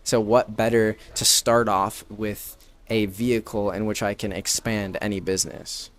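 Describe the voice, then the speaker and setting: A man's voice: fairly low pitch, steady tone, normal speed. Young man talking casually, full of fillers. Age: 20s. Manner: filler-heavy, frequent "like" and "right?" tags. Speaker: podcast guest, branding business owner. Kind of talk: casual conversational interview.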